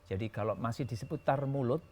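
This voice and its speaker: A man's voice: medium pitch, fast talker, a little mellow, slight background noise. A man teaching as a religious scholar on a talk show, patiently explaining rules with everyday examples.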